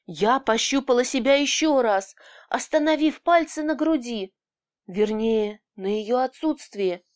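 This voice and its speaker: A woman narrating a story in the first person, lively and expressive, with blunt swearing. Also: on the high side, measured pace, clean tone. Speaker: audiobook narrator.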